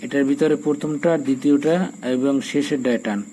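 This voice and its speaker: Man teaching quran reading, flat even voice, spells letters then chants words long and slow, faint crickets behind. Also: mid-range voice, a little hiss or hum, low-quality recording. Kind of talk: Quran recitation lesson.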